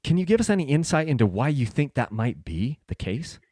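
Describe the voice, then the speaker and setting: A man's voice: sing-song, fairly quick, no echo, studio quality. Earnest male podcast host telling a story. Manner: earnest, often dropping soft and low in the tense parts of a story. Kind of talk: casual storytelling.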